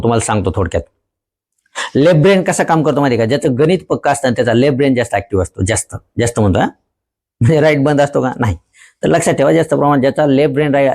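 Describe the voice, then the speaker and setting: A man teaching students a memory trick, lively and repeating key words for emphasis. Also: mid-range voice. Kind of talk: explaining a memory technique to students.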